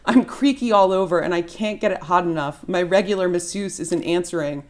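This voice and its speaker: Woman reading a moany self-pitying dad on the phone, lowish voice. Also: a little fast, natural voice. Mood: plaintive. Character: anxious self-pitying older father on phone.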